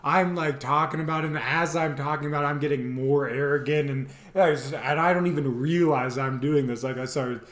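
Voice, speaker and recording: His fairly high voice moves briskly with hardly any pauses as the host tells a casual, comedic personal tale. He animatedly acts out quoted lines and sound effects, and the recording is echoey and roomy.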